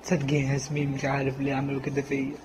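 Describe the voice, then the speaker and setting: A man's voice: medium pitch, completely flat delivery, rapid-fire, over music, natural voice. A man playing a grown son who has been thrown out by his family, speaking in a hurt, pleading way.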